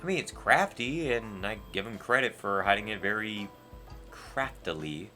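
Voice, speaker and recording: A man giving casual let's play commentary, rambling and animated, with sarcastic asides. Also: lowish voice, a little slow. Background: faint game music.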